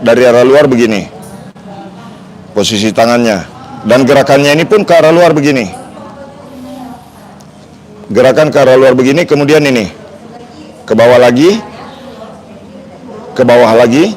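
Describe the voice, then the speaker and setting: A man's voice: mid-range voice, normal speed, long pauses, a little mellow, rough recording. A man with an Indonesian accent demonstrating reflexology massage on a live stream, chatty and joking as he repeats each instruction.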